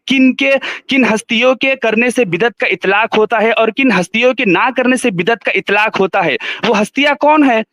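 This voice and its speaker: A man's voice: high-pitched, sharp tone, no room sound. A man on a live stream debate, arguing a religious point insistently and repeating himself to get heard.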